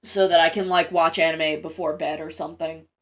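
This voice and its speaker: A woman with a low, fairly flat voice talks quite quickly to her livestream viewers. Her nose is congested and sniffly, and she rambles casually, cuts herself off, and swears freely.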